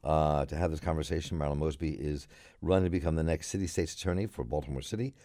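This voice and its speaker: A man with a smooth radio host delivery, moderating a call-in interview from a studio and keeping the show moving briskly. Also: very deep voice, warm tone, dry recording. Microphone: studio mic.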